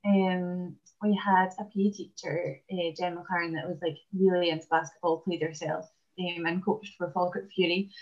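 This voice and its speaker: A Scottish woman in her twenties, a basketball player and dentist, chatting casually in an interview with many "um" pauses. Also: fairly low pitch, dull audio. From Scotland.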